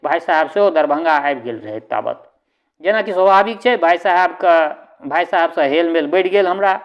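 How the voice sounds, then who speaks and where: A man's voice: fairly high pitch, normal speed. Man telling a story, dull recording. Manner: conversational, with asides to the listener. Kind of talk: reading a short story aloud.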